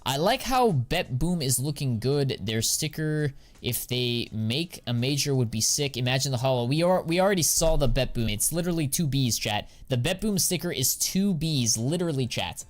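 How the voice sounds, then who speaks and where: This young adult streamer from the United States answers his viewers in a relaxed, slangy way, stretching out his filler words. His medium voice has lively intonation and a moderate pace, with barely any pauses.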